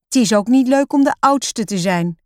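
A woman's voice: mid-range voice, sing-song, moderate pace, no room sound, studio quality. A woman doing a stubborn, playful schoolgirl.

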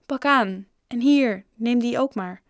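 A woman's voice: a little high, takes it slowly, no room sound, studio quality, pitched above the performer's own voice. A woman voicing a shy, nervous twelve-year-old boy who speaks hesitantly and apologetically, in a storybook reading.

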